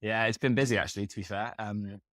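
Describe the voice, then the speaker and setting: A man's voice: lowish voice, steady tone, fast, fairly bright tone, no echo, studio quality. A man in his thirties co-hosting a podcast, chatting casually and rambling with lots of fillers and restarts. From England. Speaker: podcast co-host.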